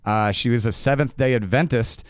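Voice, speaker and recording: A man's voice: mid-range voice, normal speed, smooth, no room sound. A man with a mid-range voice co-hosts a casual podcast and keeps the story moving. He talks in a joking way. The recording is dry and close. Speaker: podcast co-host. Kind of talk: casual chat.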